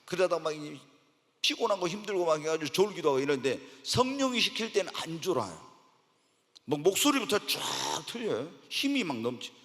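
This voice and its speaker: A male pastor with a high, bright and forceful voice delivers a fervent sermon. He keeps turning to the congregation with questions and urging them on. The sound carries a long reverb from a church hall. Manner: preaching with call-and-response questions to the congregation.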